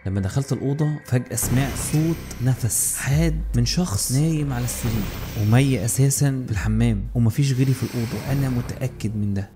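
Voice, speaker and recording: A man's voice: medium pitch, warm tone. A man with an Egyptian accent telling a first-person horror story in a tense, scripted narration. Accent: Egyptian Arabic.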